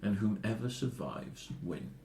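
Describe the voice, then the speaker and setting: A man's voice: fairly low pitch, sing-song, unhurried, creaky, dark tone, reverberant. A man from northern Norway co-hosting a podcast, joking and swearing often and laughing as he talks. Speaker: podcast co-host. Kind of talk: casual podcast banter.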